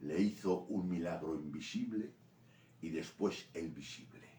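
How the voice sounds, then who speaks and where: A man with a Spanish accent from Spain, preaching a sermon in an animated storytelling way. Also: low-pitched, measured pace, a little hiss or hum. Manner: animated storytelling preaching, rising to loud peaks. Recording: roomy echo from a distant mic.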